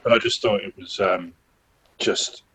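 A man chats about films as a guest. His voice is rather low and distinctly husky. He speaks informally and haltingly. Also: steady tone, a bit bright, poor audio. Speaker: podcast guest. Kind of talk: casual film discussion.

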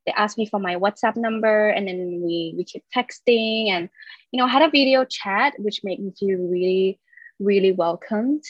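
A woman's voice: medium pitch, normal speed, dry recording. Chatty young woman from Thailand, dry sound. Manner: chatty and upbeat, laughs between stories. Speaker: podcast guest. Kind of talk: casual interview chat. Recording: slightly dull dry sound.

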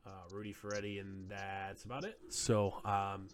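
A man co-hosting a casual podcast, arguing his points in a measured way with frequent thinking pauses. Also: lowish voice, little pitch movement, crowd noise. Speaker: podcast co-host.

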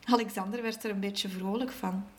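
A woman reading a children's story aloud in an expressive, measured way. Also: medium pitch.

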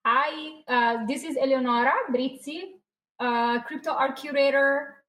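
A woman's voice: sits high, fairly even intonation, measured pace, fairly bright tone. A woman guest, an art curator, introducing herself in a hesitant, friendly way with many ums. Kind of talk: casual panel chat.

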